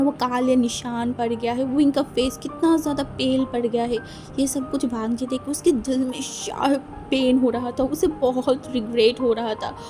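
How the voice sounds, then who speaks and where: A woman casually narrating a romance fan-fiction story, rambling with many fillers. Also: high-pitched. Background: faint music.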